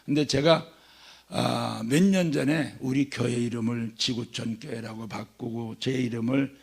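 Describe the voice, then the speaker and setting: A man's voice: mid-range voice, unhurried, vocal fry, breathy edge. A man preaching a sermon at a church revival meeting, telling stories with jokes. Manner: joking, animated storytelling.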